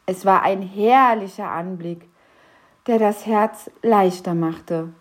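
A woman narrating a children's story in a gentle storytelling manner. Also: medium pitch, slow pace.

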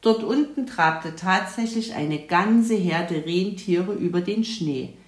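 Narrator: woman, lower voice, calm storybook reading, roomy echo. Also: slow pace.

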